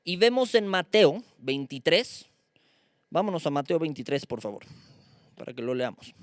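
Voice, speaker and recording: A woman's voice: deep voice, sing-song, dry recording. Woman teaching Bible study, dry sound. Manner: spells out Greek words slowly, sometimes loses her word. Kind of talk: conversational Bible study talk.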